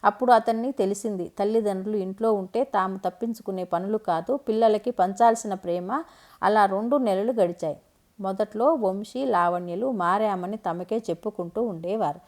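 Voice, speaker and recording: A woman reading a scripted family story aloud in a calm, even way. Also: mid-range voice, normal speed.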